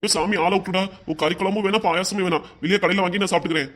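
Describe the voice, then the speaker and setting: A woman voicing a stubborn, hard-of-hearing old grandfather in a cartoon comedy, with a southern Tamil Nadu accent, demanding and gruff. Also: on the low side, fairly even intonation, very fast, pitched below the performer's own voice, lightly acted. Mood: scared.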